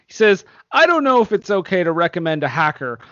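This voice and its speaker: A man with a slightly high voice co-hosts a casual movie podcast, reading out reviews and laughing often. The sound is dry and a little dull. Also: sing-song, brisk, pushed and bright, dry recording. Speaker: podcast co-host.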